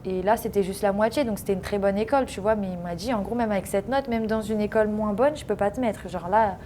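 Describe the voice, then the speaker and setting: A young woman from France in her twenties, a guest in a casual interview, telling stories with lively energy and acting out other people's lines. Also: mid-range voice, fast talker, slight background noise. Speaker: interview guest, professional footballer.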